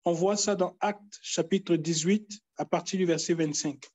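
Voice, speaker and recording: A man preaching a sermon, pleading with his listeners and repeating phrases with emphatic pauses. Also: high voice, darkish tone, husky.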